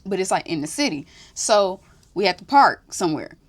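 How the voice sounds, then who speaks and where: A young woman from Houston hosting a podcast, telling a casual story in an animated, slangy, profane way with frequent laughs. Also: lowish voice, normal speed. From Houston, Texas. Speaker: podcast host.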